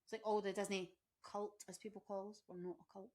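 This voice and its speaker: A woman's voice: medium pitch, flat delivery, brisk, darkish tone. A woman co-hosting a casual chat, jumping in with jokey asides. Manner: chatty, jumps in with jokey asides. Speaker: podcast co-host.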